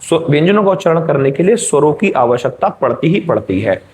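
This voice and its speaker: A man's voice: on the high side, sing-song, brisk, darkish tone, a little hiss or hum. A male teacher giving an exam-prep grammar lesson, explaining step by step and checking in with his students.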